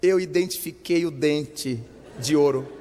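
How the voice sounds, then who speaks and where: An older man from Brazil, telling an animated story at a lecture and acting out the dialogue in shifting voices. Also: a little high, measured pace, slight background noise. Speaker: spiritist lecturer. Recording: long hall reverb.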